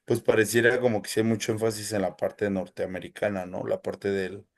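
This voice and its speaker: A teacher, answering interview questions in a measured, hesitant way with many fillers. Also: male voice, on the low side, little pitch movement. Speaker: teacher, guest.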